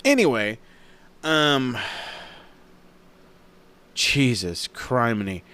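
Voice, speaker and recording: A young man hosting a wrestling review show, recapping in a rambling, excitable way and swearing freely. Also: mid-range voice, very slow, clean tone. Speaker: wrestling review podcast host. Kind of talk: casual profane recap.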